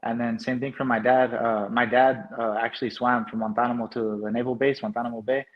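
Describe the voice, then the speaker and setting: A man's voice: medium pitch, little pitch movement, a little fast. Dull lo-fi recording, casual American man. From New Mexico, United States. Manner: laid-back slangy phrasing, peppered with "man" and "bro". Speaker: boxer, interview guest. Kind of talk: casual conversational interview.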